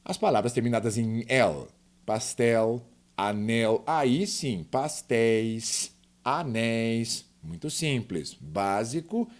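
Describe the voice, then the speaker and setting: A man's voice: mid-range voice, lively intonation, takes it slowly. A man teaching a grammar lesson, emphatic and often asking the viewer questions.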